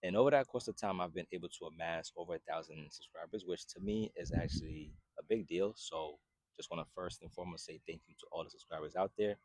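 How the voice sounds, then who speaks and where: Man, twenties, from Haiti, very low voice, dry close sound, casual vlog talk. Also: fast, darkish tone, no echo. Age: 20s. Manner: conversational, repeats "right?" often. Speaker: fitness vlogger and personal trainer.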